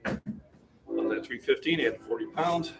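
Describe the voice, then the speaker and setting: A man's voice: medium pitch, normal speed, vocal fry. A man in his sixties hosting a gym livestream, chatting to viewers while he catches his breath between lifts. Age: 60s. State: slightly out of breath. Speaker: fitness livestream host. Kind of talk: casual chat to a live chat between lifts. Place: gym, indoors. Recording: distant mic with faint room noise.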